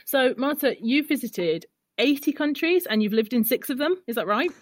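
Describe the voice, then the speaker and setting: A woman's voice: sits high, lively intonation, moderate pace, dry recording. Chatty woman podcast host, dry sound. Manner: chatty, storytelling, repeats words. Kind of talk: casual interview chat.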